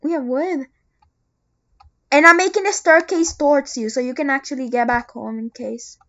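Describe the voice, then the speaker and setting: Very high-voiced excitable gamer. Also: moderate pace, muffled recording, slight background noise. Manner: excitable, calls out to teammates. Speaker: gamer playing with friends. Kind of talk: casual let's-play commentary.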